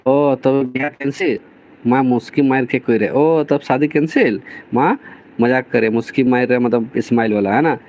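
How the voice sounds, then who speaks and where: A man's voice: medium pitch, fairly even intonation, moderate pace, darkish tone. A man teaching an exam-prep class, reading dialect passages from a novel and explaining them, often checking in with his listeners.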